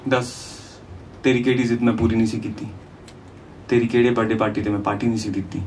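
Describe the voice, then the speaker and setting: A man's voice: on the low side, level tone, brisk, a little mellow. A man performs lyrical stand-up on stage, moving between rhyming verse and conversational asides. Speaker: stand-up comedian. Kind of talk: lyrical stand-up comedy, rhymed storytelling. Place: small indoor comedy venue on stage. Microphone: handheld microphone. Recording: distant, noisy live stage sound.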